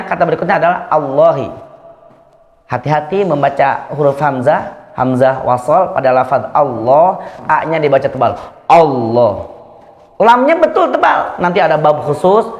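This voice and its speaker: A man's voice: fairly high pitch, lo-fi sound. A man teaching Quran recitation rules, demonstrating sounds by drawing out and repeating syllables. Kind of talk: tajweed lesson with recited examples. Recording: echoey hall reverb.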